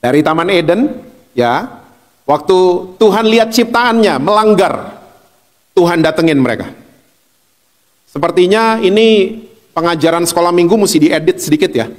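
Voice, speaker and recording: A male pastor, preaching a sermon with lively, humorous storytelling. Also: sits high, in a large hall.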